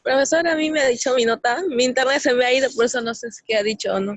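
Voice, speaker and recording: A young woman student on an online class, speaking up quickly to ask about her grade. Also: high voice, no echo.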